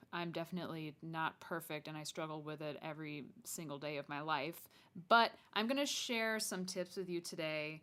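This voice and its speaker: A woman's voice: low voice, a bit bright. A young adult woman hosting a podcast solo, talking casually and chattily, straight to the listener. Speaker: podcast host. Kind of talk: conversational solo podcast monologue.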